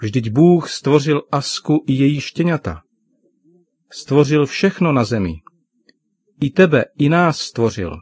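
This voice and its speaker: A man voicing a kind father in a children's story, explaining things gently. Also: on the high side, expressive, breathy edge.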